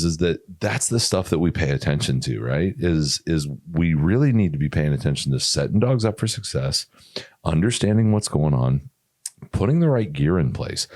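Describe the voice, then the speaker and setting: Male podcast co-host and dog trainer, low voice with a lot of movement, animated and chatty. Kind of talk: casual podcast chat.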